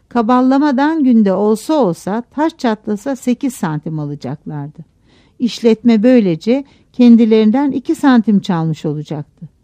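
A woman narrating a novel aloud in a measured, expressive audiobook reading. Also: fairly high pitch.

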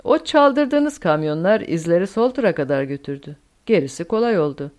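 Lady reading a hard grim american guy, blunt and cold, lowish voice. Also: animated, normal speed, a little mellow, close to an everyday voice.

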